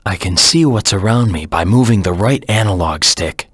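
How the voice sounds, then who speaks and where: A brooding, proud hedgehog antihero from a video game. The voice is low and heavily rasped, recorded very dry and close. He speaks in a grim, terse, self-serious way. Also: lively intonation, moderate pace, dry recording. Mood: serious, instructing. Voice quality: low, husky rasp. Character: brooding, proud anthropomorphic hedgehog antihero, the ultimate life form. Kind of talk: video game character voice lines.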